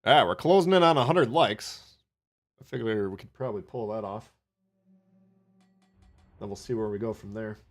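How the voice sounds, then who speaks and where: A man's voice: fairly low pitch, moderate pace, long pauses. Chatty man with a Minnesota accent streaming gameplay. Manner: chatty, wisecracking, reads viewer chat aloud. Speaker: livestream gaming host. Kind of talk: casual live gameplay commentary.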